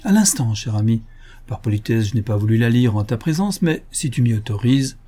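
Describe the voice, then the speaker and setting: A man voicing a suave, mocking gentleman burglar in an audiobook, ironic and self-assured, with a mellow, husky voice. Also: medium pitch, expressive, brisk.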